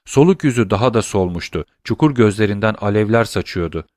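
A man reading a novel aloud in scripted audiobook narration, measured and suspenseful. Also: fairly low pitch, animated, darkish tone, dry recording, studio quality.

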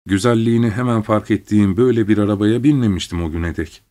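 A man narrating a literary story in the first person, reading at a measured pace. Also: lowish voice, warm tone.

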